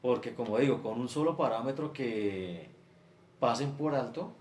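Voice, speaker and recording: A man's voice: medium pitch, animated, moderate pace, darkish tone. A man lectures his students, circling through examples step by step. His voice sits in a reverberant room. A faint ambient hiss runs underneath. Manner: explains step by step with many filler examples. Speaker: teacher. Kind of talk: screen-share class lecture.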